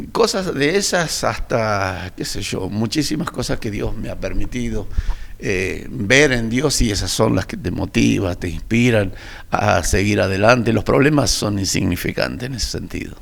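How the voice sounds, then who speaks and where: A man's voice: lowish voice, moderate pace, gravelly. A man with an Argentine accent, a pastor, telling personal stories in an interview and acting out the dialogue. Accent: Argentine Spanish. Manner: animated storyteller, acts out dialogue. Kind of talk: interview storytelling.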